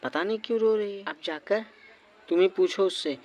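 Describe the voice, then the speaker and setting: A man's voice: sits high, normal speed, slight background noise, voice pushed up, lightly acted. A man putting on a fussing village mother. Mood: scolding. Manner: scolding, fussing.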